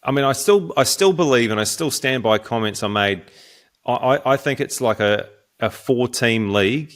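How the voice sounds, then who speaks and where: A man, co-hosting a casual sports podcast, talking in halting runs with frequent restarts. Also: medium pitch, expressive. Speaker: podcast co-host.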